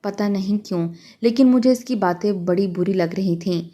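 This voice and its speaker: A woman telling a first-person story in a steady, confiding way. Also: mid-range voice.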